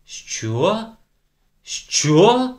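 A man voicing a stern, excitable old spinster schoolteacher who erupts in shocked outbursts in an audiobook. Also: mid-range voice, normal speed, natural voice. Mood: alarmed. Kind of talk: audiobook character voice.

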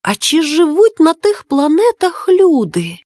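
A woman voicing a curious, excitable young male dove who keeps asking eager questions. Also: high voice, measured pace, no room sound, clean studio sound, voice pushed up. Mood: eager, wondering.

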